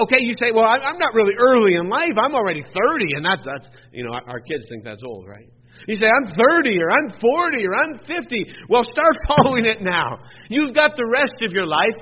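A man with a high voice preaching in a church, pressing his points with earnest repetition and rising emphasis. The sound is thin and phone-like. A long reverb trails behind every word. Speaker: pastor. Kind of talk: sermon. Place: church sanctuary.

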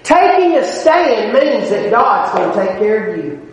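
Here a man preaches a little slowly in a high, sing-song voice. The sermon comes across emphatic and folksy, with plain-spoken asides and volume that rises and drops between points. He is in a church sanctuary, recorded in an echoey hall with long reverb.

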